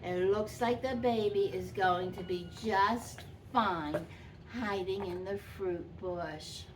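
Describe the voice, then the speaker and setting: Lady doing a sweet granny voice reading a kids story, super slow, kinda far from the mic. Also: mid-range voice, lightly acted. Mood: gentle, unhurried. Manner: grandmotherly, expressive, lingering on and repeating words. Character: sweet gentle old granny telling a children's story. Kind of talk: children's storytelling. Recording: distant microphone, faint background noise.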